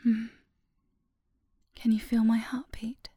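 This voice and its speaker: A woman whispering a soft, affectionate, sleepy ASMR girlfriend roleplay into a close microphone. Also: a little high, level tone, breathy edge, dry recording. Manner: slow and soothing, sleepy.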